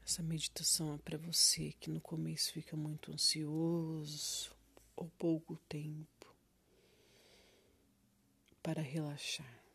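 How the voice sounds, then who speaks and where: Gentle and soothing, the Brazilian-accented guide leads a meditation in a breathy near-whisper, leaving plenty of silence between prompts. Pitch is medium and the tone stays level.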